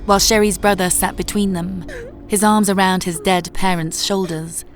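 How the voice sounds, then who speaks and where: A woman narrating a horror story in a measured, low-key way. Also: flat delivery, soft background music.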